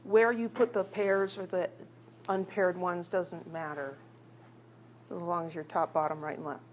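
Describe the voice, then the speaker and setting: A woman's voice: lowish voice, steady tone, measured pace, a little hiss or hum. A woman teaching a chemistry class in a chatty, teasing way, asking her students questions as she works through examples. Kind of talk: recorded classroom lecture.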